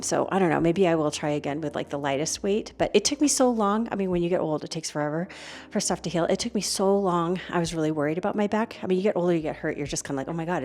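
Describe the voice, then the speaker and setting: Chatty lower-voiced American woman. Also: a little mellow. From United States. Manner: chatty and meandering, talking while showing her home. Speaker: author vlogging her day. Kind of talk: casual vlog chat. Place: at home.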